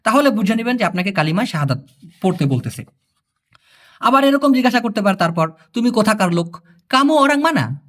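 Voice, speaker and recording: A man from Bangladesh gives a casual language lesson in a fairly high voice. His pitch swings widely as he explains, and he repeats phrases slowly and quizzes his listeners as he goes. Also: expressive, a bit bright. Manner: explains patiently, repeats phrases slowly, asks the viewer questions. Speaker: language tutor.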